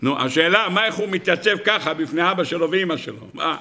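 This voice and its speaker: Animated, bright-voiced rabbi telling a story. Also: male voice, on the high side, creaky. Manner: animated, dramatic, addresses the audience. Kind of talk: sermon storytelling.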